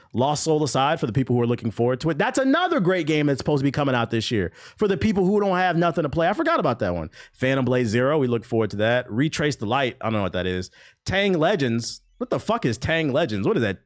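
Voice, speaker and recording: A young man riffing casually on gaming news during a live stream, mocking and profane, with bursts of laughter between comments. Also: on the high side. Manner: animated, profane, mocking banter.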